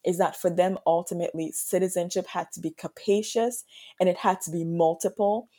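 A woman's voice: on the low side, fairly even intonation, a little fast, mellow. A woman from Ghana, an author interviewed on a podcast, explaining her ideas thoughtfully and often circling back with "right?". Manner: thoughtful, with frequent restarts and "right?" asides. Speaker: author and guest.

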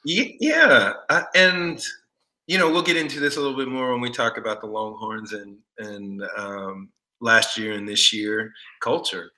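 A man's voice: mid-range voice, measured pace, bright, forceful tone. A man in his forties from Texas, a former football player, guesting on a podcast in an easygoing, laughing way. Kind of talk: casual interview chat.

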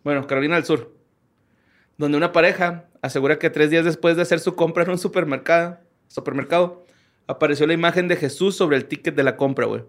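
A man with a Mexican accent and a voice a little higher than average. He hosts a loose, casual chat, sharing odd stories in profane, slangy, informal language. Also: fast talker. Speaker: podcast host.

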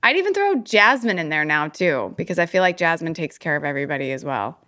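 A woman co-hosting a podcast in casual chat, chatty and quick to laugh, often restarting her sentences. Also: sits low, sing-song, bright, forceful tone. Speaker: podcast co-host.

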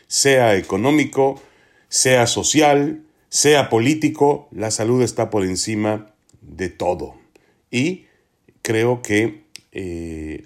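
A man hosting a sports podcast, giving opinion commentary in an earnest, deliberate and emphatic way. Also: sits low.

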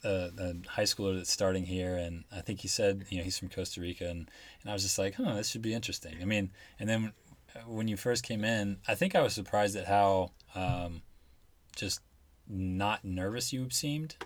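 Deep-voiced laid-back guest. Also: male voice, steady tone, moderate pace, no room sound. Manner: laid-back, joking, rambling with fillers. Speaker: guest, former coworker. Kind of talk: casual interview chat.

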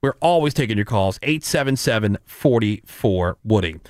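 A man's voice: medium pitch, animated, a little fast, clean tone, dry recording, clean studio sound. A man with an American accent hosting a morning radio show, bantering and running a phone-in contest. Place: radio studio. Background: music bed.

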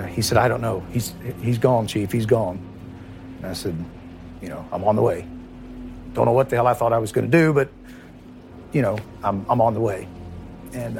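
A middle-aged man, a former police chief recalling a painful night in a halting, emotional way, often repeating words and dropping his voice. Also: medium pitch. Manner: halting, repeats words, quiet and heavy at times. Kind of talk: emotional first-person recollection.

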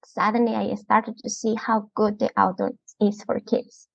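With a mid-range, gravelly voice that has a breathy edge and little pitch movement, a woman from Ecuador in her thirties talks at normal speed in a casual interview. An outdoor preschool educator with a Latin American Spanish accent, she's chatty, enthusiastic, and laughs often. The recording is dry, muffled, and lo-fi, podcast-style.

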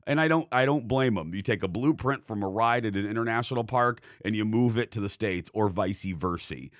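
Podcast co-host, male, deep voice, dry close mic, easygoing banter with lots of "uh.". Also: fairly quick, no room sound. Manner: chatty, laughs easily, frequent fillers. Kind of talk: casual chat.

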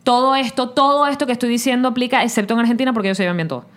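A woman's voice: a little high, rapid-fire. A woman with a Venezuelan accent, co-hosting a podcast, blunt and joking in casual chat. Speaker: podcast co-host.

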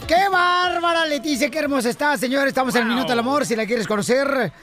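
High-voiced joking radio host. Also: male voice, quick pace, sharp tone, soft background music. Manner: teasing, flirty, joking. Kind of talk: comedic radio banter.

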